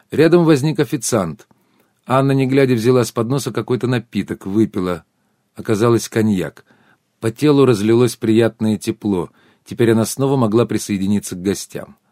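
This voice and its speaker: A man narrating an audiobook in an even, measured reading. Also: lowish voice, no echo, clean studio sound. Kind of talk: scripted narration.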